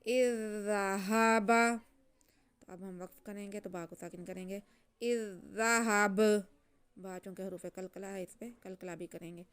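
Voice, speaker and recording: A woman teaching Quran reading, chanting letters and syllables slowly, then explaining the rules in quick soft asides. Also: mid-range voice, flat delivery, clear, resonant tone.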